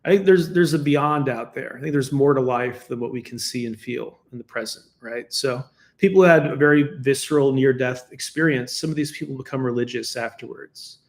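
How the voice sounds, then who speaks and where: With a mid-range voice and a fairly quick delivery, a US political commentator mounts a defensive, argumentative solo commentary. It's casual and conversational, with laughter between points plus fillers and restarts.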